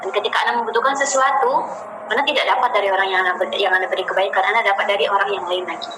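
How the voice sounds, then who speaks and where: A woman teaching an informal Islamic study session in a gentle way, often repeating phrases and speaking directly to her listeners as friends. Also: mid-range voice, steady tone, very fast, background noise. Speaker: ustadzah leading a religious study session. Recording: roomy sound with music playing behind.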